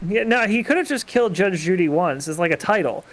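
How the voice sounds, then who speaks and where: Man, fairly high voice, casual game stream chat, faint background noise. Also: animated, brisk, fairly bright tone, rough recording. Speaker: co-streamer reading game dialogue.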